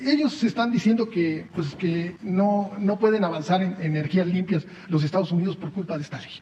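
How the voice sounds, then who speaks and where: A man asks a question at a press conference in a fairly high voice, hesitating and filling gaps as he goes. His voice sounds dull and muffled, carried through a long-reverb hall with a faint hiss behind it. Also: fairly quick, mellow. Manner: hesitant, with fillers. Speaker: reporter asking a question.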